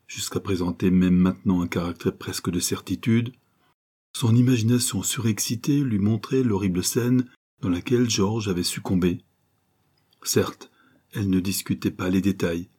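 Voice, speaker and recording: Male audiobook narrator, mellow and husky, classic literary reading. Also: lowish voice.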